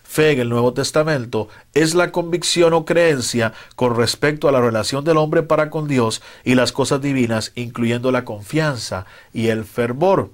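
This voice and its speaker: A man preaching a sermon in a fervent, emphatic way, with some hesitant fillers between his points. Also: medium pitch. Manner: fervent, rising to loud emphatic retellings.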